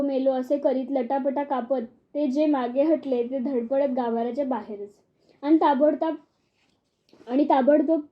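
A woman reading a humorous village story aloud, telling it expressively and acting out the outbursts. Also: sits high. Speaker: audiobook narrator. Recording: dull lo-fi recording.

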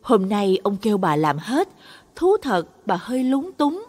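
A woman's voice: mid-range voice, big pitch swings, measured pace, darkish tone, husky. A woman narrating a Buddhist morality story with dramatic expression. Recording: long reverb.

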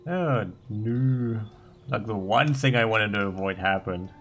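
A man's voice: lowish voice, measured pace, fairly bright tone, soft background music. A man playing through a gamebook and thinking aloud, hesitant as he mulls over his choices. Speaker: player.

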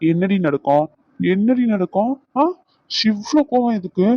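A woman's voice: mid-range voice, animated, measured pace, no echo. A woman voicing a playful young husband in a cartoon, teasing and coaxing his wife. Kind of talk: cartoon voice acting. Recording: slightly dull, dry lo-fi sound.

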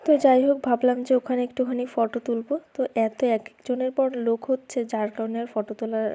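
A woman's voice: a little high, flat delivery, quick pace, warm tone. A young woman from West Bengal, India, chatting casually as a vlogger while she walks around an outdoor food fair, repeating easy fillers as she goes. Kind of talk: casual vlog narration.

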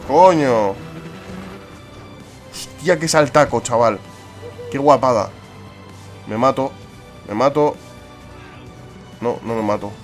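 Excitable young gamer. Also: male voice, medium pitch, takes it slowly, pauses often, soft background music. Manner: excitable, swears and exclaims often. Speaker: gaming YouTuber. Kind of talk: let's play commentary.

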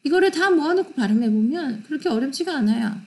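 A Korean-speaking woman teaching English pronunciation in an online lecture. She explains quickly in Korean, then reads the English example words and sentences slowly and deliberately. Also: high-pitched, animated, darkish tone.

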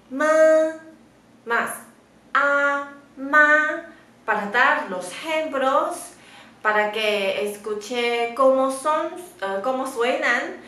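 A woman's voice: a little high, a bit bright, roomy sound. A woman whose first language is Mandarin Chinese, teaching a patient beginner lesson and checking in often with "¿sí?". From Taiwan. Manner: patient, drawn-out demonstrations with many checking "¿sí?".

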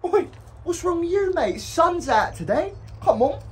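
A man's voice: very high-pitched, big pitch swings, unhurried, full character voice. A man putting on a cheery, teasing laddish bloke. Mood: chummy. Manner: chummy, teasing banter.

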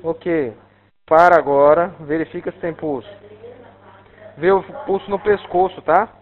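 A man's voice: fairly high pitch, a little slow. A Brazilian man speaking over the phone as an emergency dispatcher, giving directive, reassuring instructions and repeating them. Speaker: emergency medical dispatcher on a call. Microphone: telephone call. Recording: tinny, narrow-band telephone line.

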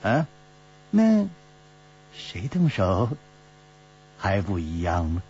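A man's voice: low-pitched, wildly swooping pitch, very slow, a little mellow, voice pushed down, full character voice. A man voicing a sly, mock-polite warrior captor, in pingshu storytelling style. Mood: sly mockery. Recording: dull lo-fi recording with mains hum.

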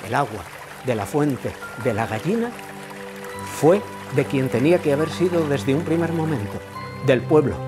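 A middle-aged man from Spain with a Castilian accent, telling a local legend with theatrical flair. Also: medium pitch. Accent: Castilian Spanish. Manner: theatrical, playful. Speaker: storyteller. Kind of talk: legend storytelling.

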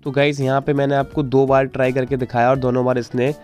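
Instrumental background music runs under this informal phone tutorial, recorded from the screen. The man talks fast in a medium, darkish voice with little pitch movement, repeatedly pleading with his viewers.

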